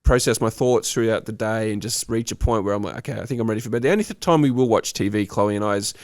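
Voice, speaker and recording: A man's voice: fairly low pitch, fast, a little mellow, dry recording, studio quality. A man chatting casually as a podcast co-host, his voice nasal from a cold, laughing often as he talks. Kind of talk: casual chat.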